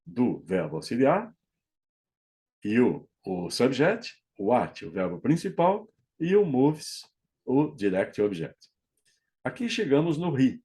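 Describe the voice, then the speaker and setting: A man teaching English grammar, modeling English phrases slowly and checking in with frequent "ok?". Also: medium pitch, very animated, warm tone. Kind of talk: explaining English grammar to Portuguese speakers.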